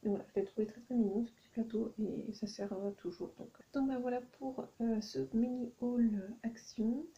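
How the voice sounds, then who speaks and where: A woman's voice: a little high, steady tone, fairly quick, hardly any pauses, dark tone, lo-fi sound. A woman chatting through a shopping haul for her channel, hesitant and thinking aloud with many ums. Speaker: YouTuber doing a shopping haul. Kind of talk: casual haul vlog. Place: at home at night.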